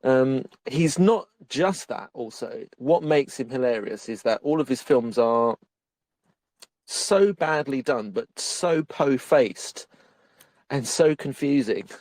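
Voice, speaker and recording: Casting note: male film-review podcast co-host, giggly and rambling, mid pitch, dry close mic. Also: expressive, slow, a little mellow, dry recording. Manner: chatty, laughs often, rambling restarts. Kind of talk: casual film-review chat.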